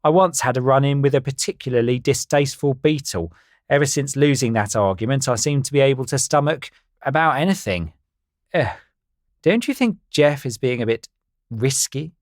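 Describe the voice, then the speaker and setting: A man's voice: mid-range voice, normal speed, no echo, studio quality, voice pushed up, lightly acted. A man voicing a gullible, eager small male bird in a storybook reading, talking in a naive, enthusiastic way.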